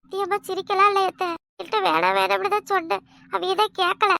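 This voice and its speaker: A young village wife, voiced by a woman with a Kanyakumari Tamil accent, begging and pleading in a soft, high voice. She talks quickly and the sound is close and dry, like a cartoon comedy dub. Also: little pitch movement, vocal fry, no room sound, exaggerated voice. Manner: begging, tearful, soft-spoken.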